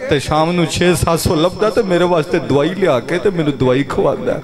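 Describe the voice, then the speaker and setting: A man's voice: on the high side, brisk, natural voice. A man preacher voicing a remorseful young man who tells of his parents' care while he lay ill, recorded live before a crowd. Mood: tearful. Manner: tearful, confessional.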